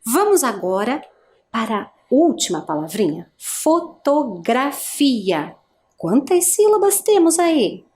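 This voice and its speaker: A woman teacher with a Brazilian Portuguese accent giving an adult education video lesson, explaining slowly and patiently and asking the learner encouraging questions. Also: fairly high pitch, sing-song, darkish tone. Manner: slow, patient, syllable-by-syllable explanation.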